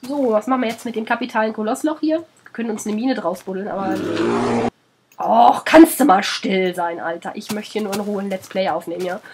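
A woman's voice: mid-range voice, fairly even intonation, fast talker, hardly any pauses, noisy background. A woman with a German accent, sick and under the weather, chatting her way through a let's play, scolding the animals in the game and swearing casually.

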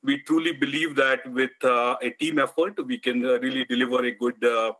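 A man, a planning consultant, answering a councillor's questions at a public hearing over a video call, pausing often. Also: medium pitch, level tone, fairly bright tone, low-quality recording. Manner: frequent "uh" fillers.

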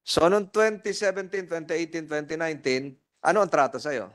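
A man's voice: on the high side, moderate pace, a bit bright. Man pressing a witness with questions. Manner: probing, repeats and rephrases his questions. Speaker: senator chairing a hearing. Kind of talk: formal hearing questioning. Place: legislative hearing room.

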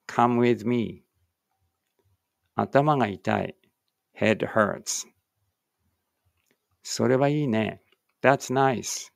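A man teaching English, slowly reading short Japanese phrases and then their English translations aloud as a drill, sometimes muttering quietly to himself. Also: mid-range voice, gravelly, no echo, clean studio sound. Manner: reads each Japanese phrase, then its English, with slow deliberate pauses.

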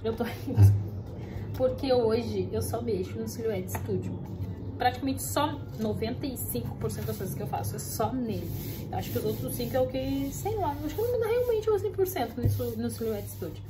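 A woman with a Brazilian Portuguese accent talks quickly and casually in a vlog from her craft studio. She rambles from one thing to the next and keeps checking in with her viewers. A faint hiss sits behind her voice. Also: fairly high pitch, animated. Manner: chatty, rambling, often adds "né?" and "gente". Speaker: vlogger running a custom stationery studio. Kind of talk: casual vlog chat to camera.

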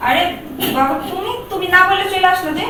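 A woman's voice: very high voice, brisk, bright, forceful tone, slight background noise. A woman with a Bangladeshi Bengali accent playing a haughty, scornful wife of the house. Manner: dismissive, scornful. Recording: echoey room, mic far off.

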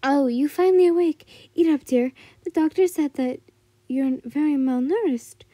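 A woman's voice: sits high, normal speed, dark tone, no echo, lightly acted. A woman voicing a kindly, motherly old woman caretaker who fusses and coaxes in an amateur story reading. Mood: coaxing. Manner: motherly, coaxing.

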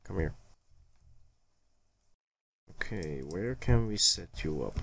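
A man's voice: low voice, expressive, slow pace, gravelly, fairly bright tone, breathy edge. A man giving casual let's play commentary, muttering to himself in short fragments with a grumbly, exasperated edge. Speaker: gaming video host.

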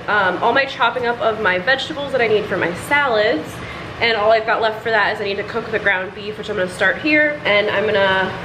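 Young woman, casual kitchen vlog, chatty and full of fillers, camera held at arm's length, middle-pitched voice, noisy background. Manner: chatty, filler-heavy, explaining as she cooks. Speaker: lifestyle vlogger. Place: home kitchen, indoors. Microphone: phone or camera held at arm's length. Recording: noticeable kitchen background noise.

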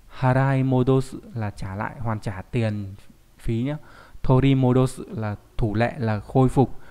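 A man's voice: medium pitch, warm tone, clean tone. A man teaching kanji in an online lesson, explaining patiently and often checking in with the learner through tag questions. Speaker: Japanese language teacher.

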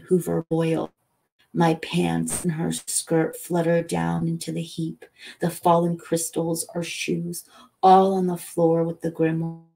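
A woman reads a novel aloud as a calm bedtime story. Her voice sits low and gravelly, with a breathy, husky edge. She takes her time, at an unhurried pace. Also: rough recording. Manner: slow, calm, soothing delivery. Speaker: audiobook reader. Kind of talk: soft bedtime novel reading.

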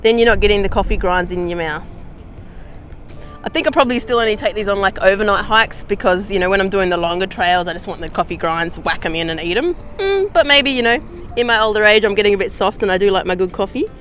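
An Australian woman chats casually outdoors, slangy and relaxed, in a mid-pitched voice. Faint music sits underneath her talk. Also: fast talker. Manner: chatty, slangy and relaxed, with easy laughs. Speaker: hiking vlogger. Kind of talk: casual how-to chat.

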